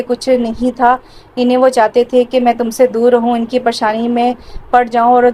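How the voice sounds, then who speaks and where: A woman's voice: on the high side, a little mellow, a little hiss or hum, rough recording. A woman narrating an audio novel, reading all the parts herself in a plain voice with small hesitations. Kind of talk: scripted narration reading every part.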